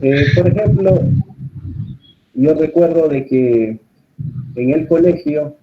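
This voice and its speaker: A man's voice: a little high, slow. Man teaching a class over muffled audio. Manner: questions the students often, in a calm teaching tone. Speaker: course instructor. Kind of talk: online class lecture.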